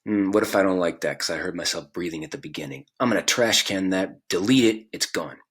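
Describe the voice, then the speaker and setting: Low husky guy teacher explaining a class app step by step, laid back. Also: brisk, fairly bright tone. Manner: casual, talks through each click. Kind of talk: screen-recorded tutorial.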